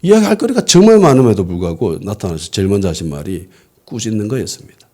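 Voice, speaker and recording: At a church worship service, a pastor preaches a lively, conversational sermon, posing rhetorical questions to the congregation. He talks fast in a voice on the low side.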